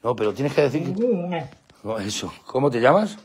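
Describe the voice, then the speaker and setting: With a husky voice at a moderate pace, a man live-streams casually at night outside with his dogs, holding his phone in hand. He coaxes them playfully, now and then calling out to them in a high, excited way.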